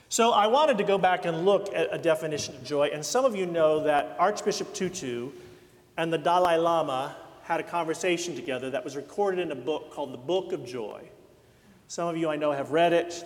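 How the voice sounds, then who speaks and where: Conversational pastor in a church hall. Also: male voice, on the high side. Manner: warm, conversational, anecdotal preaching. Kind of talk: sermon. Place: church sanctuary. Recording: long church hall reverb.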